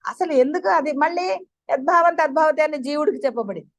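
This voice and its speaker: A woman's voice: high voice, expressive, fast, a bit bright. A woman giving a spiritual discourse as a teacher, talking straight to her listeners and firing off rhetorical questions in a chatty, coaxing way. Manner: addresses listeners directly.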